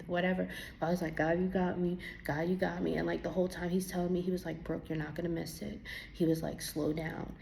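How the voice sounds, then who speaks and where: A young woman tells her faith testimony in a casual, lively way and acts out the conversations she describes. Her voice is low and gravelly, with fry at the ends of phrases. She is teary from crying. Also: a little hiss or hum. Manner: animated, acts out her own dialogue. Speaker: vlogger giving a testimony. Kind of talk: casual personal storytelling.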